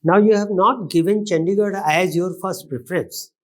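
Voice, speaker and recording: Halting Indian male interviewer, slightly high-pitched. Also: darkish tone. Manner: halting, repeats and reformulates questions. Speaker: interview panelist. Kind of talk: formal interview questioning.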